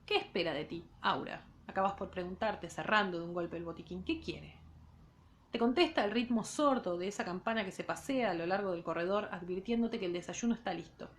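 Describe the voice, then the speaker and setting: A woman with an Argentine accent, a literature teacher, reading a novel aloud in class and pausing to comment on it casually. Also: on the low side, a little hiss or hum. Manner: reads in second person, breaks off for casual remarks.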